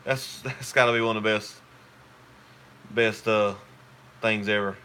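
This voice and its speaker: A man's voice: lowish voice, fairly even intonation, unhurried, bright, forceful tone, smooth. A man, hosting a casual live stream and chatting with viewers in a rambling, talkative way.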